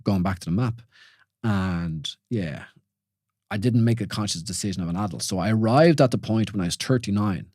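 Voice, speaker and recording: A reflective solo podcast comes from an Irish host in his forties who chats informally with listeners, questions things, restarts a lot and keeps asking "you know?" He speaks at a moderate pace in a lowish, slightly mellow voice, on a dry recording with clean studio sound.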